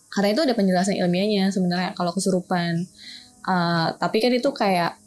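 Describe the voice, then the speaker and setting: A woman's voice: medium pitch, a little mellow. A woman co-hosting a casual chat, musing and thinking aloud with lots of fillers.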